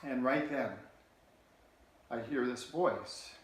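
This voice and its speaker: A man telling a personal childhood story in a halting, earnest way, often restarting his sentences. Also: medium pitch. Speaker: political candidate. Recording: very echoey room.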